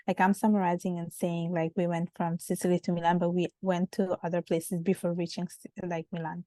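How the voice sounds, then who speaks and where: Low, flat woman. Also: brisk, no echo. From Italy. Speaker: podcast guest. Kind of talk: casual interview conversation.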